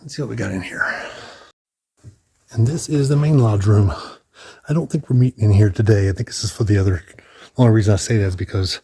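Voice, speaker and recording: Here the vlogger speaks quickly but leaves long pauses, his fairly low voice mellow and husky. He wanders a building's corridors and large rooms, narrating casually, musing aloud with false starts, and breathing a little hard.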